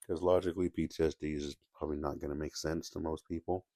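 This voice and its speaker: A man giving casual solo commentary in a halting way, with many restarts and fillers, keeping his voice down. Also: rumbling low, little pitch movement, warm tone, slight background noise. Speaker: video essayist.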